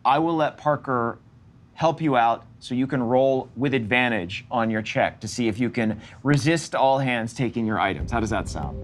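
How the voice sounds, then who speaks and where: A man's voice: medium pitch, normal speed, a little hiss or hum. A man in his thirties narrating and hosting a tabletop game show as game master. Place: indoor studio set dressed as a tavern. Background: music.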